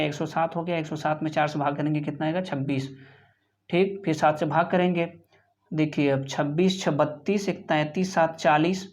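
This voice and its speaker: A man's voice: on the high side, a little mellow. A man teaching an exam-prep calendar math lesson. He poses questions to the class, answers them himself, and counts through each step of the working aloud. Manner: repeats his own questions and answers them. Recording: slightly muffled lo-fi sound.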